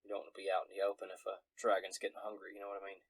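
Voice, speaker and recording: A man's voice: sits low, monotone, racing, no echo. A man acting as game master, narrating a tabletop role-playing game in a casual, conversational style.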